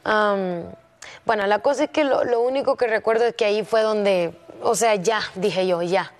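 A young woman speaks softly and haltingly as she confides in her teacher, often breaking off and starting a sentence again. Her pitch sits in the middle range for a woman. She sounds like a contestant opening up about something private. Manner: soft-spoken and hesitant, with many restarts. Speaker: singing competition contestant. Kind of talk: personal confession to a teacher.

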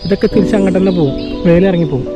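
A man's voice: high-pitched, racing. A man narrating a casual travel vlog, mixing English words into his Malayalam. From Kerala, India. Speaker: travel vlogger. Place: outdoors on a small boat in mangroves. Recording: music over outdoor vlog audio. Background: prominent music.

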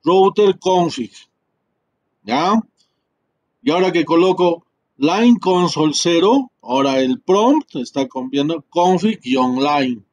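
A man's voice: fairly high pitch, sing-song, slow, a little mellow. A man teaching a class through a screen-share tutorial, talking in a chatty way with many fillers and tag questions.

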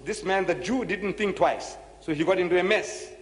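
A man with a high voice delivers a sermon-style lecture. He presses his points with questions and repetition. The recording rings with long hall reverb. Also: moderate pace. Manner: emphatic, rhetorical questions, repeats phrases. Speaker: Islamic preacher. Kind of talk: preaching lecture to an audience.

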